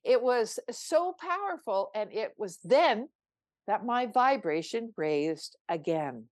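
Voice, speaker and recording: A woman's voice: fairly high pitch, lively intonation, slow, no echo, studio quality. An older woman, a spiritual coach, telling a personal story on a podcast in an earnest, emphatic way, with frequent restarts.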